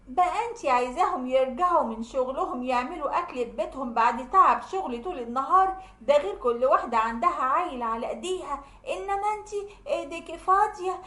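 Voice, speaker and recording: A woman voicing a domineering older Egyptian mother-in-law who scolds with scorn. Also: sits high. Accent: Egyptian Arabic. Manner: sharp, scornful, bossy. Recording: roomy echo.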